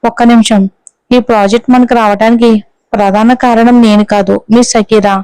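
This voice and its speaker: A woman's voice: a little high, steady tone, brisk, darkish tone, clean tone, no echo, close to an everyday voice, low-quality recording. A woman voicing a proud male company boss announcing good news to his staff in an audio story. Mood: upbeat.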